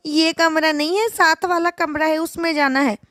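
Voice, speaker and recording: A fussy middle-aged mother-in-law, played by a woman who fusses and scolds with sharp exclamations. Her voice is high-pitched and dry, recorded close to the mic. She is bossy but caring toward her new daughter-in-law in this animated story. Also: normal speed, dry recording. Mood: fussing scolding.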